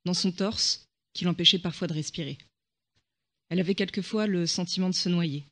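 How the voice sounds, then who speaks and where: A man narrating a short story in a soft, hushed, measured way. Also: high-pitched. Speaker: reader.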